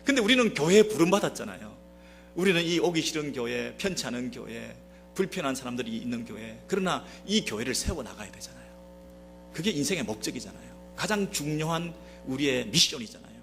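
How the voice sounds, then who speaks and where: A man preaching a Sunday sermon in a church, his pitch swinging widely as he presses the congregation with one rhetorical question after another. Soft instrumental music plays faintly behind him. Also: big pitch swings, brisk. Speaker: pastor. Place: church sanctuary.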